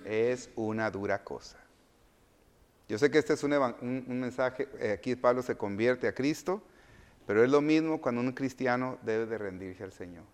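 A man preaching a sermon as pastor, asking the congregation questions and answering them himself, swinging between loud emphatic phrases and quiet asides. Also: on the low side.

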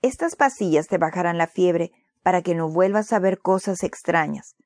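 A woman voicing a calm, firm father who speaks in a slow, measured way. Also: fairly low pitch, no room sound, clean studio sound, lightly acted.

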